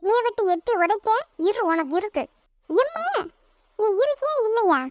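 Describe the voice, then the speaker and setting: A woman voicing a high, whiny little sister. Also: normal speed, no room sound, studio quality. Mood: nagging, tattling. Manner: whiny, tattling, pestering. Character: bratty nosy little sister girl. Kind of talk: cartoon voice acting.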